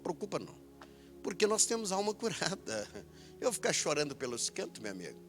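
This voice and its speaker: A male pastor with a Brazilian accent preaching a sermon, emphatic and animated, laughing often. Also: sits high, brisk, faint music behind. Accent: Brazilian Portuguese.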